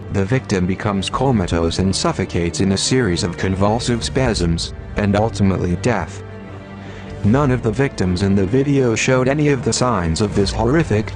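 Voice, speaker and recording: Disguised deep male voice over music. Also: normal speed. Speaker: anonymous narrator of an online message. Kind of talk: scripted read-out statement.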